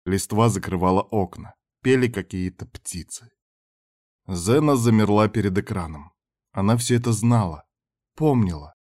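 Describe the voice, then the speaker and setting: A man narrating an audiobook chapter in a measured, even reading voice. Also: fairly low pitch, no room sound, clean studio sound.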